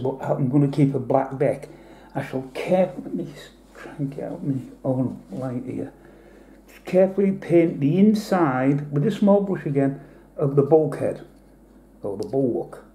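A man's voice: on the high side, mellow, echoey room. A man giving a chatty, rambling hobby tutorial, explaining each step as he goes. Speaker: model painter. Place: indoor hobby desk.

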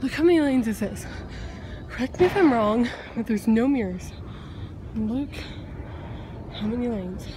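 A woman's voice: a little high, expressive, measured pace, pauses often. Rambling jokey young vlogger woman. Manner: rambling, jokey, self-mocking. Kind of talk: casual vlog chat. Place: public places, indoors and out. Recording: busy crowd and street noise.

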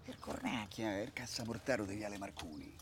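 An actor with a Roman accent playing a wry middle-aged swindler, speaking colloquially in a film comedy. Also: male voice, on the low side, fairly quick, lightly acted. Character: middle-aged debt-ridden swindler who faked his death. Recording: outdoor film sound, faint noise.

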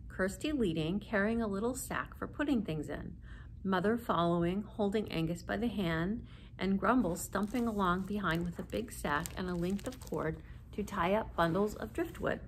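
A woman in her forties reads a children's story aloud with lots of expression, sitting indoors a short way from the camera. Her voice is mid-range, and there's a little hiss or hum in the recording.

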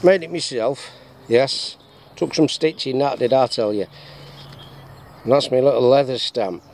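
In a measured, mid-range, slightly mellow voice, a middle-aged English man demonstrates bushcraft gear at his woodland camp. He's jokey and chatty, raising questions and answering them himself. The action camera, on his chest or a tripod, also catches birdsong and faint outdoor noise.

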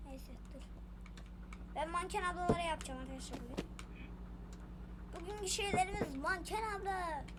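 A woman commentating a horror game as she plays, often shouting at the character and repeating words. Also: very high-pitched, moderate pace, pauses often, heavy background noise. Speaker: gameplay streamer. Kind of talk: excited gameplay commentary. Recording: loud game music behind.

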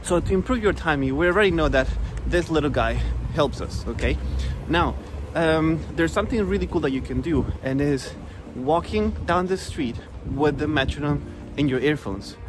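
A saxophone teacher in his thirties, with a fairly high voice and lively intonation, talks at normal speed with hardly any pauses over music. He's walking down a rainy street giving a casual lesson, chatting upbeat into a phone held at arm's length and often asking "okay?"

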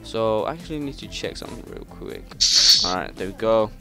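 A man's voice: lowish voice, expressive, a little fast, gravelly. British male gaming host, chatty, yelps at scares, faint music underneath. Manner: chatty, yelps loudly when startled. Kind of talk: casual gameplay commentary.

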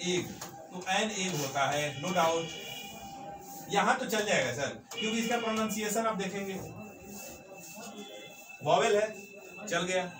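High-voiced man teaching in an echoey room. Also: takes it slowly, pauses often, music in the background. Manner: emphatic, repeats points, often says "sir". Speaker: English teacher. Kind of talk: classroom-style grammar lesson. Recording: echoey room, mic far off, background noise.

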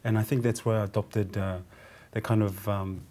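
Soft-spoken young New man, mellow voice. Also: on the low side, flat delivery, moderate pace. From New Zealand. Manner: soft-spoken, hesitant with fillers. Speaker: guest, tribute singer. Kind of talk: studio interview. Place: small TV studio set.

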